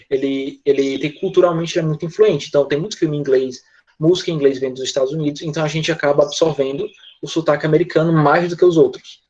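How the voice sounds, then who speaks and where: Brief: male teacher, slightly high voice, patient explainer, lo-fi online-call audio. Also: darkish tone. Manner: patient, checks in often with quick tag questions. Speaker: English teacher.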